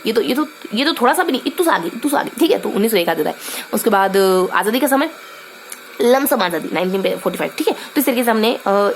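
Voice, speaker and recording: A woman's voice: medium pitch, animated, fast, slight background noise. A young woman teaching a casual lesson, chatty and playful, thinking aloud with many fillers and memory tricks. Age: young adult.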